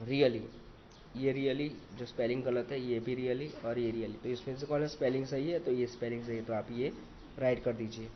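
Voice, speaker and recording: A male English teacher, slowly explaining exercises, spelling words letter by letter and repeating each one. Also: mid-range voice, fairly even intonation. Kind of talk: slow explanatory lesson. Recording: dull lo-fi recording with faint noise.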